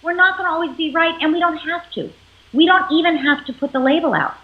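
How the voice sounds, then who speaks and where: Animated woman on a tinny line. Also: very high-pitched, quick pace. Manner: animated, acts out parents' and children's lines. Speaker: parenting psychologist guest. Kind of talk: explanatory interview talk.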